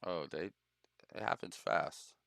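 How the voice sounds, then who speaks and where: A man's voice: low voice, slow pace, gravelly, a bit bright. A young man hosting a game stream, talking loose and profane with plenty of laughs and bro talk. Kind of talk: casual gaming stream chat.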